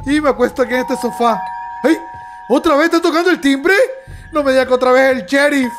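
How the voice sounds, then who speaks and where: A man giving excitable let's-play commentary to his viewers, laughing and shouting often. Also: very high-pitched, a little fast, music in the background. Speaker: gaming YouTuber.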